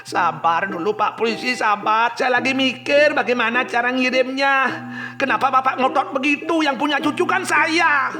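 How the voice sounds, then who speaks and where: Puppet-show role: shrill-voiced stubborn grandfather, old and argumentative, a man putting it on, gamelan behind. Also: normal speed, pushed and bright, soft background music. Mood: defiant. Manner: pleading then defiant, lecturing. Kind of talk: shadow puppet theater.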